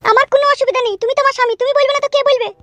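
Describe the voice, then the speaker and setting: A woman doing a squeaky, pestering young wife. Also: steady tone, rapid-fire, dry recording, soft background music. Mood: impatient. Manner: pestering, insistent questions. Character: pushy young village wife.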